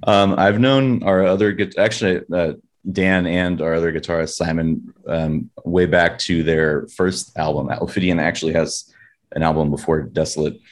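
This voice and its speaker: A low-voiced man from San Diego with a Californian accent, speaking at a normal speed in a steady tone. He's a metal band vocalist appearing as an interview guest, casually chatting and telling rambling, slangy stories.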